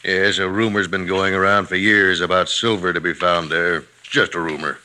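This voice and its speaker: A frontier banker with a low, bright male voice. He is formal and guarded, firm and businesslike, in old-time radio drama style. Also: level tone, normal speed, slight background noise. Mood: evasive.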